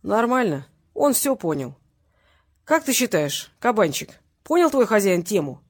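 A woman voicing a rough male enforcer who makes dry, grim jokes, in an audiobook. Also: medium pitch, big pitch swings, a little slow, darkish tone, no room sound. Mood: sardonic.

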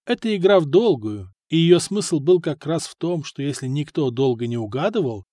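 A male audiobook narrator with a somewhat high voice, reading in a measured storytelling style. The recording is close and dry, with no room sound. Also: animated, warm tone, no room sound. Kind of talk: scripted narration.

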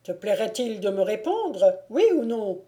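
Brief: scornful baron-huntsman, loud, commanding, slow and mellow, read by a woman. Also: mid-range voice, sing-song. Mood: mocking. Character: domineering noble man, a mocking baron-huntsman. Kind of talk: audiobook reading.

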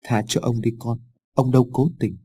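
A man's voice: medium pitch, fairly even intonation, moderate pace, breathy edge, close to an everyday voice. A man voicing a haunted, volatile old farmer. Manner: shouting, stammering, then sobbing.

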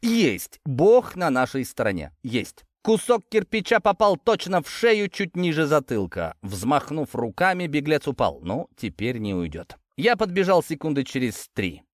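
A man's voice: a little high, normal speed, hardly any pauses, no room sound, clean studio sound. A man narrating a first-person audiobook in a tense, dramatic way. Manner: tense, dramatic, lively delivery.

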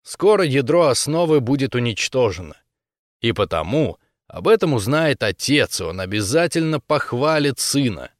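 Male audiobook narrator: even, steady delivery, mid voice, dry recording. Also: medium pitch, normal speed, dry recording. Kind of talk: scripted narration.

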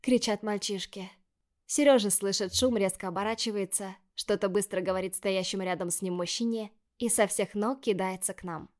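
With a medium-pitched voice, this female audiobook narrator delivers first-person scripted narration, measured yet expressive.

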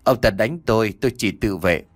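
A man's voice: lowish voice, a little fast, close to an everyday voice. A man voicing a desperate, tearful young woman who speaks curtly and pleads. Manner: curt, pleading.

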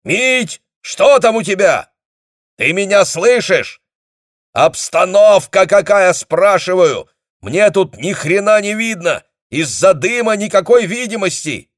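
A man voicing a battle-worn male battalion captain who shouts orders urgently. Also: medium pitch, animated, takes it slowly, husky, no room sound, clean studio sound, voice pushed up, exaggerated voice. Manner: shouting, commanding.

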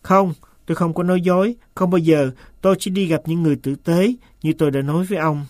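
A man's voice: fairly high pitch, steady tone, fast talker, a little mellow, dry recording, natural voice. A man voicing a sullen, evasive manservant who keeps stubbornly denying, in a dry, close audiobook sound. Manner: stubborn, insistent denials.

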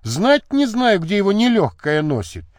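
A man's voice: high-pitched, huge pitch swings, moderate pace, no room sound, clean studio sound, pitched above the performer's own voice. A man voicing an indignant, defiant young woman in an audiobook.

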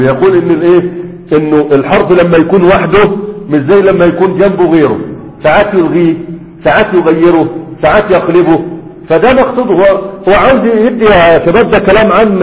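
An Egyptian sheikh teaches a class, moving between colloquial and classical Arabic and asking then answering his own questions. His voice sits a little high for a man. The recording is muffled and carries a long hall echo. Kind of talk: classroom lesson, explaining a text.

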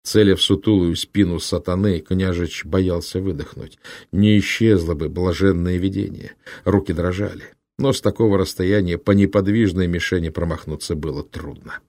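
A man narrating a literary audiobook in a measured, dramatic storytelling manner. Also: low-pitched, fairly even intonation, darkish tone, no echo.

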